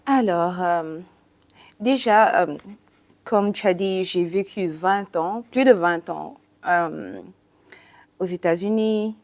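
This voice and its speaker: A young woman from Senegal, a guest in a casual chat, relaxed and laughing often, switching between French and English. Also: fairly low pitch, takes it slowly. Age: young adult.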